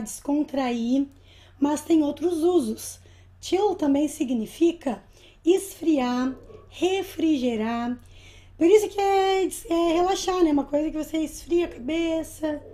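A woman English teacher with a Brazilian Portuguese accent explaining slang in a video lesson, patient and slow, repeating words to model pronunciation. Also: high voice, warm tone.

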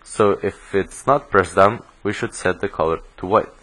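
Low-voiced man explaining code. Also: normal speed, low-quality recording. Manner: steady explanatory, self-correcting restarts. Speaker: programming instructor. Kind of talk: screencast coding tutorial.

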